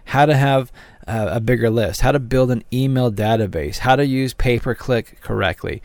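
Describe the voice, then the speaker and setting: A man's voice: medium pitch, moderate pace, gravelly, darkish tone, dry recording. A man hosting a promotional teleseminar, speaking straight to his listeners in a motivational sales patter. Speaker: seminar host and promoter.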